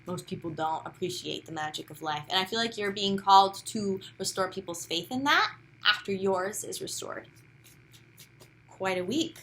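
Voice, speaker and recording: A young woman gives a casual tarot reading in a bright, forward voice. She talks in an upbeat, chatty way and now and then sinks to a soft near-whisper. A faint hiss of room noise sits under her. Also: mid-range voice, moderate pace. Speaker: tarot card reader.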